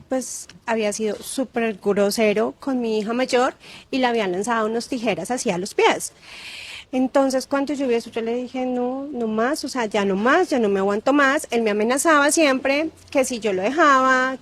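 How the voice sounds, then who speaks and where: A woman guest in an interview, recounting her experience earnestly and emotionally, often pausing on fillers and repeating herself. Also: fairly high pitch. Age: adult with grown daughter. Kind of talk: personal testimony in an interview.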